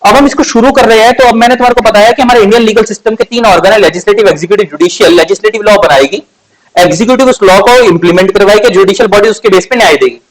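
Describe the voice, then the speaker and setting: High-pitched guy in his 20s teaching law, casual, asks the class stuff a lot. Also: very fast, a crowd in the background, poor audio. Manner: conversational, asks rhetorical questions, stretches key words. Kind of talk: classroom lecture.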